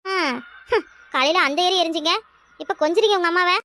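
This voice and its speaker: A woman's extremely high, fast voice, bright and forceful, brings a fretful cartoon village wife to life with a southern Tamil Kanyakumari accent. The character complains and laments throughout, exclaiming to herself in a lamenting mood. This is cartoon voice acting.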